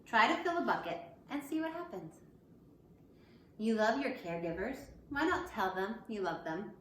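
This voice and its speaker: Here a female elementary school teacher reads a picture book aloud at normal speed, her mid-range voice sing-song and fairly bright. Between pages she offers young pupils simple, encouraging remarks, recorded in an echoey room with faint noise behind her.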